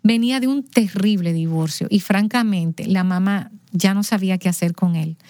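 A woman guest in a conversation, recounting a family story with lively expression and playing out the dialogue. Her voice sits in a middle register and sounds dry and close, with no room around it. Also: mid-range voice, normal speed, no room sound. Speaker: interview guest.

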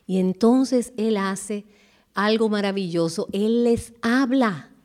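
Warm-voiced woman giving earnest devotional teaching. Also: mid-range voice. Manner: earnest, with slow emphatic pauses. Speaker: Bible teacher.

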